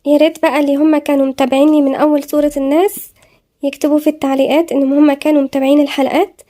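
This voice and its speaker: High-voiced Egyptian woman teaching tajweed. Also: level tone, dark tone. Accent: Egyptian Arabic. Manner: explains letter by letter, then recites slowly and drawn out. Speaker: Quran recitation teacher. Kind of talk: tajweed lesson with slow recitation.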